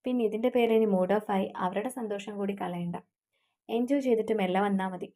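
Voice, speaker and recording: A woman's voice: mid-range voice, brisk, mellow, lightly acted. A woman voicing a teasing, stubborn young woman who scolds her fiancé.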